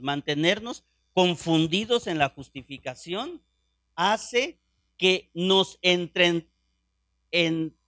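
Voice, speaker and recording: High bright-voiced fervent male preacher. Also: no echo, studio quality. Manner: impassioned, rising to fervent peaks; drops to hushed prayer voice when quoting. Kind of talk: sermon.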